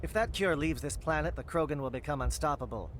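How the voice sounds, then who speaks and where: A man voices an alien military captain in a sci-fi game. He speaks quickly in a fairly high male register, clipped and authoritative. Clear outdoor noise sits behind him. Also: lively intonation, lightly acted. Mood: firm. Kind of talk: video game dramatic dialogue.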